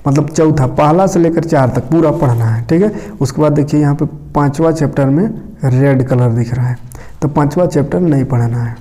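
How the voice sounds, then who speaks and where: A slightly high-pitched man with a dark tone and moderate pace explains a lesson casually. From Jharkhand in India, he speaks with a Jharkhand Hindi accent and sprinkles in "okay" and "isn't it" to check in with his listeners.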